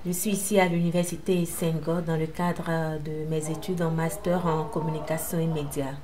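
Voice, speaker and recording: A woman in her thirties from Benin speaks earnestly about her plans. Her voice is notably low and evenly pitched, with hesitant pauses. A faint ambient hum runs underneath. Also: little pitch movement. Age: 30s. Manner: earnest, measured, hesitant fillers. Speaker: master's student. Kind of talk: interview self-introduction.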